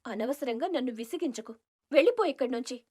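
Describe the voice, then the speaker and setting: A woman voicing a proud young village woman in an animated story, haughty and dismissive. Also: high-pitched, fast talker, slightly rough. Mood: scornful. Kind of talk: storybook cartoon voice acting.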